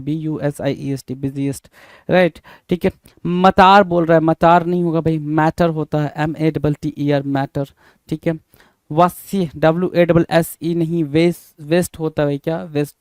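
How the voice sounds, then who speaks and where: Indian guy going over spelling answers, kinda high voice but dark and mellow, dry close mic, spells stuff letter by letter. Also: no room sound. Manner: casual, repeats words and spells them out letter by letter, says "bhai" often. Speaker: English teacher.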